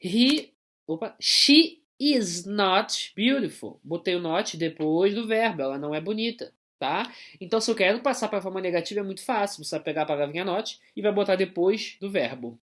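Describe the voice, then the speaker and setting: A man's voice: sits high, animated, moderate pace, a bit bright. A man with a Brazilian Portuguese accent, an English teacher giving a recorded grammar lesson to schoolchildren, explaining patiently and checking in often.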